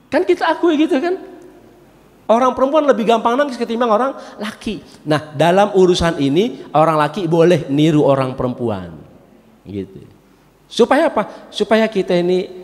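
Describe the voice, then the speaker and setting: Man, preacher, fairly high voice, lively rising emphasis, chanted prayers, long mosque-hall reverb. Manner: lively, rising emphatic pitch, jokes and laughs with the congregation. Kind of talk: sermon.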